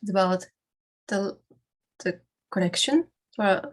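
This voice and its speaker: Woman presenter talking super slow, halting, tons of uh and um between words. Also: medium pitch, poor audio. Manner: very halting, long pauses and fillers. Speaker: panel presenter. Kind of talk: academic panel discussion.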